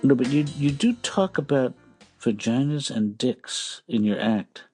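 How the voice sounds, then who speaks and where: A man hosting as a therapist, asking dry, unhurried deadpan questions. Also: medium pitch, music in the background. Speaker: therapist host. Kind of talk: dry therapy-session banter.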